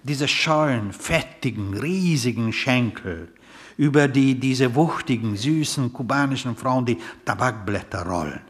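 Guy reading a novel aloud, mid voice, calm and a bit wry. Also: mid-range voice, unhurried. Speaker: narrator. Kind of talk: literary audiobook reading.

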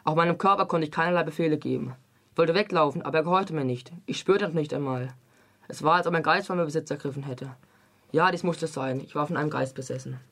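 Young male reviewer, fast, slightly high voice, brisk even reading. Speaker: book reviewer and reader. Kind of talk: reading a novel excerpt aloud, then casual review chat.

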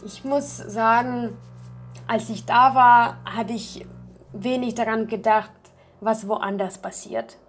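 A woman talking thoughtfully about a project in an interview, pausing often with fillers. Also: fairly high pitch, steady tone, faint music behind. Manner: thoughtful, hesitant with many fillers. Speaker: project member. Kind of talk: casual interview talk.

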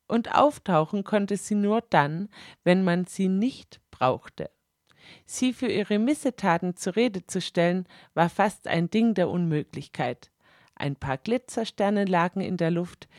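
A woman reading a first-person story aloud in a wry, deliberate way, with asides to her listeners. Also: lowish voice, a little mellow, no room sound, studio quality.

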